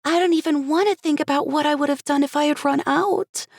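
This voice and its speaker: A woman voicing a perky, excitable woman in her late twenties with a gushing, bubbly manner, as a cozy mystery audiobook character. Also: sits high, fairly quick, creaky, no room sound, pitched above the performer's own voice. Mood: gushing, relieved.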